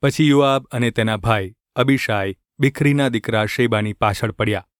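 A man reading scripture in a steady, measured narration. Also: medium pitch, dry recording, clean studio sound. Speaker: scripture reader.

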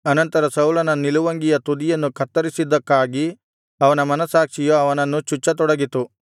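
Male scripture reader, smooth clear voice, very dry close recording. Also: a little high, dry recording. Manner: steady, measured recitation. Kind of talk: scripted Bible reading.

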